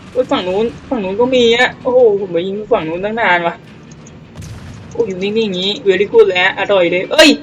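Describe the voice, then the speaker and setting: A man giving casual let's-play commentary on a naval battle game, excitable, swearing casually and exclaiming often. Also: high voice, fairly quick, lo-fi sound, a little hiss or hum.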